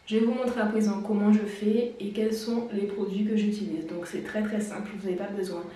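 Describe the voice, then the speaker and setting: A woman's voice: mid-range voice, fairly even intonation, a little fast, warm tone. Chatty woman in a very echoey room. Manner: chatty, explanatory, laughs at herself. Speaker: beauty vlogger. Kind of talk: casual hair-care tutorial. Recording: very echoey room, distant mic.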